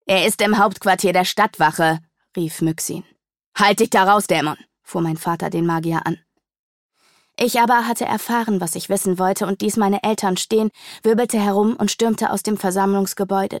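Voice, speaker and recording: A woman's voice: medium pitch, a little mellow, no echo, clean studio sound. Woman narrating a dramatic fantasy tale. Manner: dramatic, vivid storytelling. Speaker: audiobook narrator.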